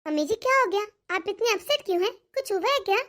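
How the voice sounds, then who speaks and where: A woman's voice: very high-pitched, animated, quick pace, a bit bright. A woman voicing a sensible young daughter-in-law in a cartoon, polite and reassuring. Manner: polite, reassuring, level-headed. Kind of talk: cartoon dialogue.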